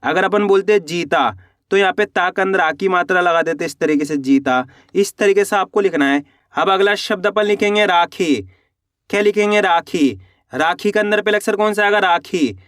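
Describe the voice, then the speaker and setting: A man with a fairly high voice teaches a reading lesson. He sounds out each word one syllable at a time, then says the whole word in a lower, drawn-out tone. He keeps asking the class how to read it and answers his own questions. The recording is dry and close, with no room sound. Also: fairly bright tone, dry recording. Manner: slow syllable-by-syllable spelling, asks questions then answers them himself. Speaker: Hindi teacher.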